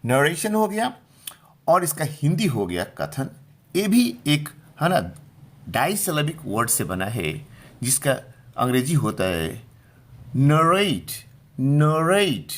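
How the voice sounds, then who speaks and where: A middle-aged man from India gives a pronunciation lesson, speaking slowly and repeating each word. His voice is slightly husky, and his pitch rises and falls a lot as he checks whether his students have understood. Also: big pitch swings. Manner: slow, patient, repeats words and asks if clear. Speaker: English teacher. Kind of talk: Hindi-language pronunciation lesson.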